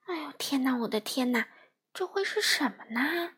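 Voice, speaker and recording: A woman voicing a small silver fish, a brave and eager little male creature who talks in a high, excited voice. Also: normal speed, slightly rough, full character voice. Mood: puzzled.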